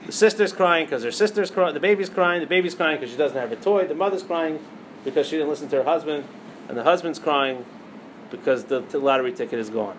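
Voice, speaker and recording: A man with a high-pitched voice teaches a Torah lesson, weaving Hebrew terms into plain English. He tells a parable and keeps asking his listeners questions. A faint hum sits under the recording. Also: fairly quick, low-quality recording. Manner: storytelling with rhetorical questions, many Hebrew terms. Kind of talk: teaching a lesson on liturgical poems.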